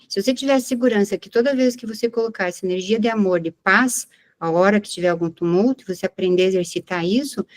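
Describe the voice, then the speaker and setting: A woman's voice: medium pitch, no echo. A woman with a Brazilian accent, sharing and explaining her experience earnestly in a group discussion, often checking in with tag questions. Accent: Brazilian Portuguese. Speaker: study group participant.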